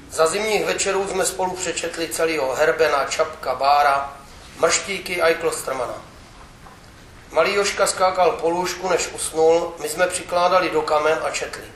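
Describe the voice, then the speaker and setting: A man reading a memoir aloud with steady, wry storytelling. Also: on the high side. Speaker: reader. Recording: echoey room with faint background noise.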